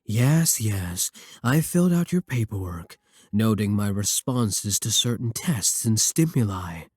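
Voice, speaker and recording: A man plays a devoted vampire king in romantic ASMR roleplay, his low, husky, darkish voice carrying formal courtesy and intimate tenderness. He speaks slowly and measuredly with lively intonation, tender and reassuring, recorded dry and close with no room sound.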